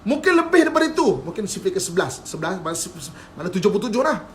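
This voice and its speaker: In a fast, sing-song, high voice, a man with a Malaysian Malay accent delivers a religious lecture over livestream. Playfully chuckling, he repeatedly checks whether his listeners are following, with slight background noise underneath.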